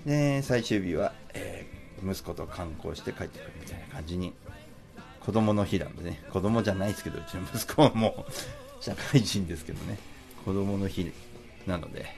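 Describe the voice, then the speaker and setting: A man's voice: sits low, moderate pace, creaky, a little mellow, soft background music. A middle-aged man, a musician, telling a travel story in a chatty, casual way, with many fillers and acted-out quotes.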